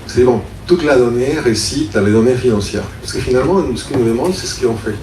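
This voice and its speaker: A man from Mexico gives a founder's pitch to a room, explaining in a loose, thinking-aloud way. His voice sits at an ordinary middle pitch. It is caught from a distance, with echo and steady background noise. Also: a little fast. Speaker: startup founder. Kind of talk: conference pitch talk. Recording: roomy, distant mic, audible room noise.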